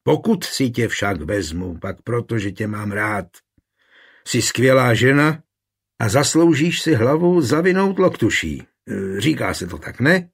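Reader doing steady village man, blunt but warm, husky and firm, audiobook. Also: mid-range voice.

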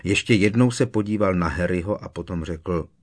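Deep husky male audiobook narrator. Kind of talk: scripted narration.

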